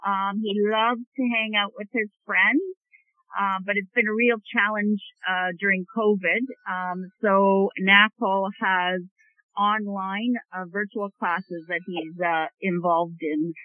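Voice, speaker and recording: A woman's voice: medium pitch, steady tone, slow pace, dry recording. A woman joining an interview by phone, explaining things at length with frequent ums. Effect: heard over a phone line. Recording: tinny dry phone line.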